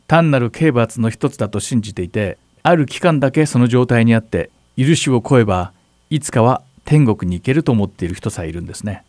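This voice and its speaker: A man serving as pastor, calmly explaining scripture in a Bible question-and-answer talk. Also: medium pitch, a little fast, no room sound, clean studio sound. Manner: calm, explanatory, asks partner to read verses. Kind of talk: Bible Q&A teaching.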